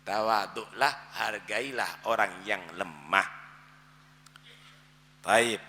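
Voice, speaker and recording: A male preacher giving a sermon in dramatic storytelling style, swinging from loud outbursts to hushed asides. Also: fairly low pitch, very slow, in a large hall.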